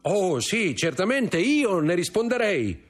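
Sly scheming clerk, voiced by a man, raised pitch, husky edge, audiobook. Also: big pitch swings, slow, faint music behind, exaggerated voice. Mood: mocking. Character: scheming envious male ship's clerk, sly. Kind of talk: audiobook character voice.

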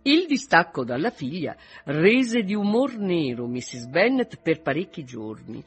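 Husky, expressive male reader. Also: a little high, a little slow, faint music behind. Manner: expressive, storytelling. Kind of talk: radio reading of a novel.

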